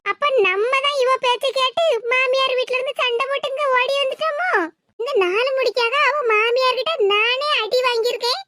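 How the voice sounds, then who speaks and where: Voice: very high voice, steady tone, moderate pace, bright, forceful tone, no room sound, clean studio sound. Voice actor doing whiny sly young daughter. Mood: scheming. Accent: Kanyakumari Tamil. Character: sly, lazy young daughter, self-pitying. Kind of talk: cartoon voice acting.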